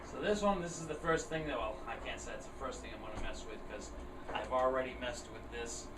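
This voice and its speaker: A man with a medium-pitched voice talks briskly and plainly, rambling casually like someone in a hobby show-and-tell video. The mic is distant and the room sounds roomy, with an air conditioner clearly audible in the background.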